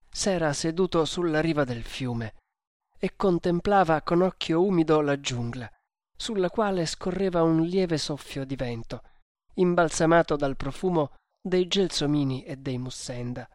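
A man reading a novel aloud as scripted audiobook narration, deliberate and measured. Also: a little high, a little mellow, dry recording, clean studio sound.

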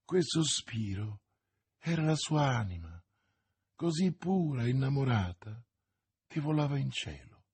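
A man reading a classic novel aloud as an audiobook narrator, in a slow, measured and dramatic way. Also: mid-range voice, very animated, darkish tone, husky, dry recording. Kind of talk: scripted narration.

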